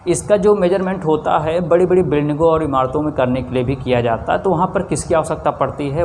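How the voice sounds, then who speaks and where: A man's voice: on the high side, a little mellow, slight background noise. A man teaching maths with a north Indian Hindi accent. He keeps asking rhetorical questions, answers them himself and checks in with frequent "theek hai". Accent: Hindi-speaking north Indian. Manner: often adds a checking 'theek hai'. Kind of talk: classroom lesson.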